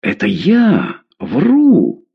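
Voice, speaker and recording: A man's voice: fairly high pitch, wildly swooping pitch, very slow, vocal fry, husky, lo-fi sound, pitched above the performer's own voice, full character voice. A man doing a raging bully of a father. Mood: indignant. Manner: shouting, pompous threats. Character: enraged middle-aged father, bullying and bombastic.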